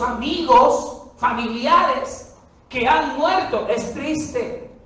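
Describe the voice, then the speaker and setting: A woman's voice: a little high, a bit bright. A woman preaching a sermon, emphatic and full of rhetorical questions to the congregation. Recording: very echoey hall, far from the mic.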